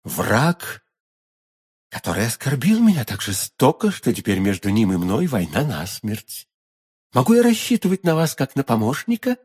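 A man voicing a vengeful, seductive noblewoman in an audiobook reading, speaking softly and insinuatingly. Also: mid-range voice, wildly swooping pitch, normal speed, husky. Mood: cold scheming.

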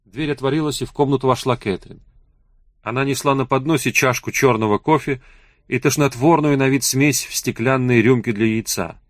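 A man tells a novel in a measured, even narrating voice of middle pitch. The recording is close and dry, with no room echo. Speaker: audiobook narrator. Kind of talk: scripted audiobook narration.

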